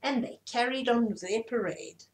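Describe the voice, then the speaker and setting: A middle-aged woman with a fairly high voice hosts storytime in a small furnished room, reading a children's bedtime story aloud and explaining it expressively to small children at a moderate pace. The recording is low quality, with a little hiss or hum.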